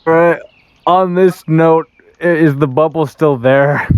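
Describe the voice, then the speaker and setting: A man's voice: on the high side, slow, clean tone. A man playing in a tabletop game, easygoing as he declares his character's moves. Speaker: player. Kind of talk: casual tabletop game chat.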